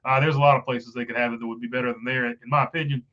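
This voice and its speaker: Rapid-fire and sharp in tone, a man with a mid-range voice and little pitch movement is heard in a muffled recording. He's hosting a casual livestream while stuffed up and losing his voice, rambling through comments with many fillers.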